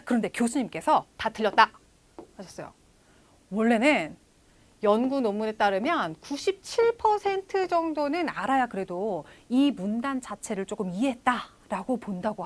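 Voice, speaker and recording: A woman in her thirties delivers an online test-prep lecture in a fairly high voice. Her pitch rises and falls a lot as she talks to her viewers directly. She opens many phrases with a drawn-out "so". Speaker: English test instructor.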